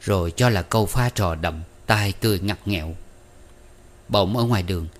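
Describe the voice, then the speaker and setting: A man narrating a novel in a measured storytelling manner. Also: on the low side. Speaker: audiobook narrator. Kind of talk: scripted narration.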